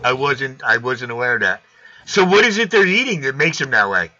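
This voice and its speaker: A man's voice: mid-range voice, sing-song, a little fast, pushed and bright. A man hosting a live stream in casual chat, blunt and wisecracking. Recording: dull lo-fi sound.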